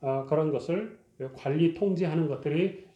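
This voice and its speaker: A man's voice: fairly high pitch, moderate pace, roomy sound, dull audio. A male lecturer explaining a university course topic, posing rhetorical questions to his students and talking with frequent fillers.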